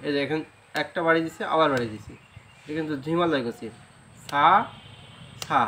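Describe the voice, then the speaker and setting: A man's voice: a little high, bright, forceful tone, a little hiss or hum. A man with a Bangladeshi Bengali accent teaching a flute lesson, patiently explaining rhythm and singing sargam syllables, often checking "right?". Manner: sings sargam syllables slowly. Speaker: music teacher. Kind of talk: flute lesson, spoken instruction.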